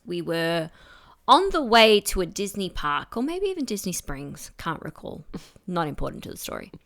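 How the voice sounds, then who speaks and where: Co-hosting a podcast, a young Australian woman keeps the chat casual and playful, full of jokey asides. Her voice is fairly low and a bit bright, very animated, with vocal fry at a moderate pace.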